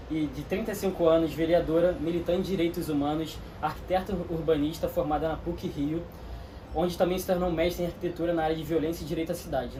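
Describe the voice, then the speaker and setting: Brisk man, fast-talking host. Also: fairly high pitch. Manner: brisk, welcoming presenter delivery. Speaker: interview host. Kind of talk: channel host introduction and questions. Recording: distant mic with noise.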